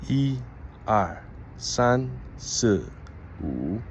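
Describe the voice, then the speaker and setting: A man's voice: fairly low pitch, big pitch swings, very slow, highs cut off, slight background noise. A man who is a native English speaker, keeping a casual video diary of his language learning and practising phrases. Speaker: language learner vlogging daily progress.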